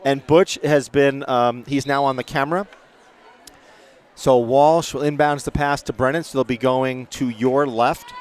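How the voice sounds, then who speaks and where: A man's voice: medium pitch, fairly even intonation, measured pace, clean tone. Chatty man calling a school basketball game. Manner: chatty, rambling asides, self-corrections. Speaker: play-by-play commentator. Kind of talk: local sports commentary. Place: press box at a school gym.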